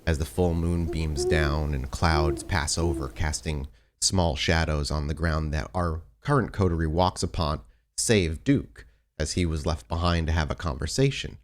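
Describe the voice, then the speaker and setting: A man with an extremely low voice, speaking a little slowly, hosts a tabletop role-playing podcast and serves as its storyteller, moving between casual show chat and narrating the game.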